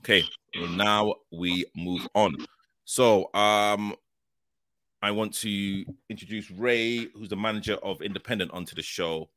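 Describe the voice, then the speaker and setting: A man's voice: on the low side, fairly even intonation, unhurried, fairly bright tone, dry recording. A man casually hosting a live show, speaking in a hesitant, repetitive way with many filler phrases. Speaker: host.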